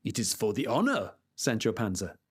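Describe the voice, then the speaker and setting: A man's voice: fairly low pitch, sing-song, normal speed, slightly rough, voice pushed down. A man voicing Don Quixote, a deluded, grandiose old knight, speaking in a formal, theatrical way. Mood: solemn. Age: older.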